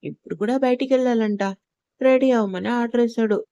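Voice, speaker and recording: A stubborn young bride grumbles about her husband's orders, spoken by a woman narrator. The voice is fairly high yet warm, and the recording is close and dry. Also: a little fast, dry recording, dull audio, lightly acted. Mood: complaining.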